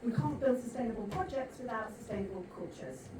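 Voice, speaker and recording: A woman's voice: on the high side, lively intonation, brisk. A woman moderating a conference panel, delivering her points in an emphatic, rhetorical way. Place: large conference hall. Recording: echoey hall from far off, noisy.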